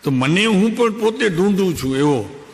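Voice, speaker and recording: A man's voice: sits high, animated, normal speed. Older man giving a discourse in a hall. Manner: conversational and anecdotal, questioning the listeners. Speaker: spiritual teacher. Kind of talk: spiritual discourse. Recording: long hall reverb.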